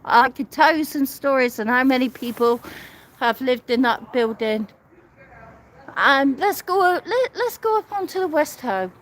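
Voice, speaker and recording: A woman's voice: high voice, lively intonation, a little slow, a bit bright. A woman giving a casual live walking tour outdoors at night, a little out of breath and rambling, often repeating and restarting phrases as she walks. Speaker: vlogger. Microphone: phone held while walking.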